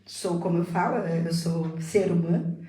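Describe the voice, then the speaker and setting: A woman's voice: on the low side, fairly even intonation, normal speed, mellow, roomy sound, low-quality recording. A middle-aged woman in casual chat, telling an emotional faith testimony and repeating herself for emphasis. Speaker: guest.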